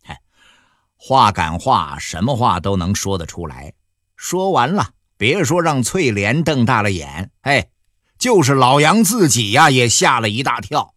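A man narrating a novel in a folksy storytelling manner with drawn-out fillers. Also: mid-range voice, sing-song, a bit bright, no echo, clean studio sound. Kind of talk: audiobook storytelling.

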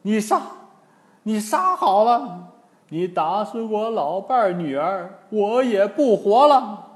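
A man voicing a shapeshifting demon disguised as a frail old man, with slow, trembling, wailing speech. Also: high voice, expressive, pitched above the performer's own voice. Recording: long hall reverb.

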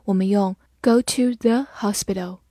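A woman teaching English vocabulary, explaining in Chinese and reading English sentences slowly, spelling words out letter by letter. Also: mid-range voice, fairly even intonation, dark tone, dry recording, clean studio sound. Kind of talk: vocabulary lesson with slow read-alouds.

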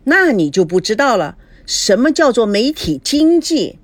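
A woman voicing an excited male newsstand vendor who hawks papers loudly and pushily in a storybook reading. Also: on the high side, measured pace, no room sound. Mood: hawking. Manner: loud, pushy hawking.

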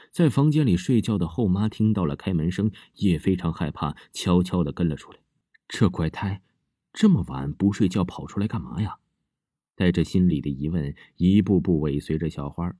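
Deep-voiced man narrating a ghost story. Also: no echo, clean studio sound. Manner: hushed and suspenseful. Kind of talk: scripted horror story narration.

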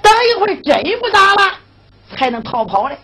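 A woman narrating a tale in a traditional storytelling performance, with an animated sing-song delivery. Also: extremely high pitch, normal speed, slight background noise.

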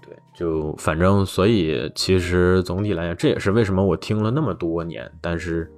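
A man with a very low voice talks at an easy, rambling pace on a chat podcast. He keeps stopping to fill gaps and restart his sentences. Faint music plays behind him. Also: normal speed. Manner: rambling, relaxed, many fillers. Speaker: podcast host. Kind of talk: casual chat about hip-hop.

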